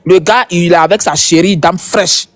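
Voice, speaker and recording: A woman's voice: fairly low pitch, moderate pace. A woman doing casual live commentary as a gossip streamer, chatty and repetitive, talking straight to her viewers.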